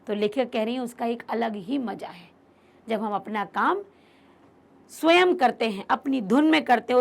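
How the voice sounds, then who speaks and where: A woman's voice: high voice, gravelly. A woman teaching a literature lesson, restating each point in simpler words and putting questions to her students. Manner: explains by rephrasing terms in simpler words. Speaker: Hindi teacher. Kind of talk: online class lecture.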